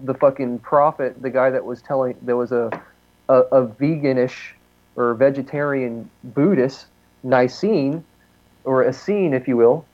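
A man's voice: mid-range voice, muffled recording. A man co-hosting a live talk show, ranting in a rambling, profane, intense way. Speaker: podcast co-host.

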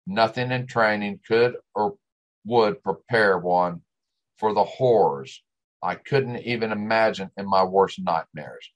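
Low West Texas twang, male storyteller. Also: slow, highs cut off. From West Texas, United States. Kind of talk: scripted first-person dramatic monologue.

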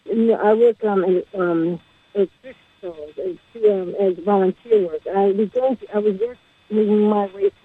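A woman calling in to a radio show, heard over a crackly phone line that fades in and out, speaking hesitantly with many pauses. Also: medium pitch, breathy edge, no echo. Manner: hesitant, halting, full of ums. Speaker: caller. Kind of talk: call-in question to a radio show. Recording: tinny, dry phone-line audio.

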